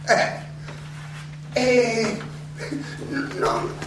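A man playing the seventy-year-old Socrates in a theatrical monologue, an ironic, indignant accused philosopher who addresses his judges haltingly, repeating phrases and throwing out questions. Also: very high-pitched, sing-song, noisy background, exaggerated voice. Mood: earnest. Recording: very echoey, distant miking, music behind.

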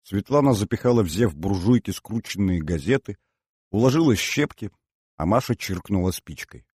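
A man reading an audiobook aloud in measured, scripted narration. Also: lowish voice, animated, a little mellow, slightly rough, dry recording, clean studio sound.

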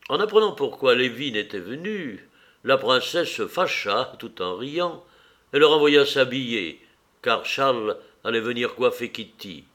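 Brief: male audiobook reader, very unhurried, expressive narration. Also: medium pitch. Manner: measured, expressive reading.

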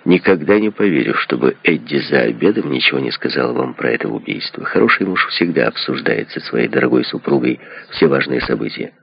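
A man's voice: extremely low pitch, expressive, brisk, gravelly, slightly rough, no room sound, heavily acted. A man voicing a sardonic, probing detective in a book reading. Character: cynical, mocking male detective. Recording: dull lo-fi recording.

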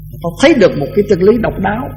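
Older monk giving a chatty dharma talk. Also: male voice, high-pitched, sing-song, dark tone, soft background music, rough recording. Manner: conversational, repetitive, chanting verses slowly. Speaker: Buddhist monk teacher.

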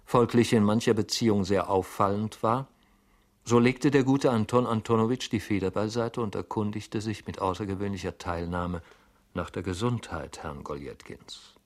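A man narrating a classic novel as an audiobook, measured and even. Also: fairly low pitch.

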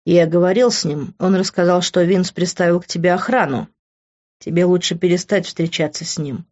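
A woman's voice: fairly low pitch, fairly even intonation, brisk, darkish tone, muffled recording. A woman voicing a concerned young man, the heroine's friend, in a dry, earnest tone.

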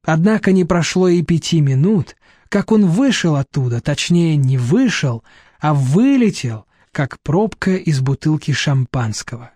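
Dark-voiced male audiobook narrator. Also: on the high side, animated, measured pace, no echo, clean studio sound. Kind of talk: scripted narration.

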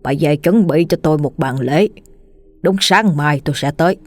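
A woman puts on a self-assured village exorcist in a spoken ghost story, slow and measured. The voice stays low, with faint music behind. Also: a little mellow, close to an everyday voice.

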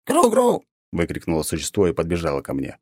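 Low-voiced man narrating expressively. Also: a little fast, dark tone, dry recording, studio quality. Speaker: audiobook narrator. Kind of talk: scripted first-person narration.

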